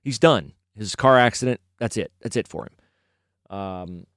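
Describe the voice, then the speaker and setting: A man's voice: on the low side, lively intonation, measured pace, a bit bright, no echo, clean studio sound. A middle-aged man giving casual, opinionated solo sports commentary, rambling and correcting himself as he goes.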